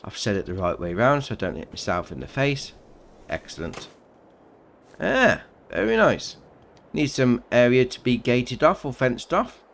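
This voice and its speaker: A man's voice: medium pitch, sing-song, measured pace, gravelly, fairly bright tone, a little hiss or hum. A man chatting casually through a game mod review, upbeat and saying "very nice" often. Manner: chatty, upbeat, says "right, next up" and "very nice". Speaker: gaming channel host.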